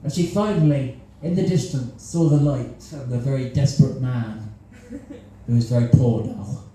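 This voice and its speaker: Cornish man, dark and self-mocking. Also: medium pitch, normal speed. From Cornwall. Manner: self-deprecating, chuckles at his own jokes. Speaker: improv comedian. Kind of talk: solo improvised stand-up storytelling. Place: small live comedy venue with audience. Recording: echoey live room.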